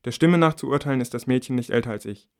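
A man narrates a novel in the first person as an audiobook reader. His voice sits at a middle pitch, and his reading stays measured, quiet and intimate.

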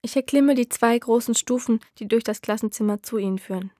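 A woman narrating a novel in the first person with a steady storytelling delivery. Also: on the high side, brisk, no echo, studio quality. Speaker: audiobook narrator.

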